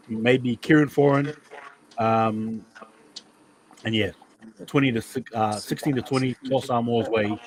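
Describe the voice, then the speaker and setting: Male host, casual footy preview chat, mid pitch, lots of restarts. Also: slight background noise, poor audio. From New Zealand. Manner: chatty, repeats words and restarts often. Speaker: podcast host.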